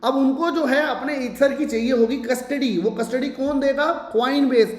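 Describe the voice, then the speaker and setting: A man's voice: sits high, darkish tone. A man hosting a market commentary channel, talking viewers through the news in a persuasive, promotional way and slipping in English phrases, recorded in a bare room with heavy echo. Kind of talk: casual market explainer to viewers. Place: room with almost no furniture. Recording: echoey sparsely furnished room.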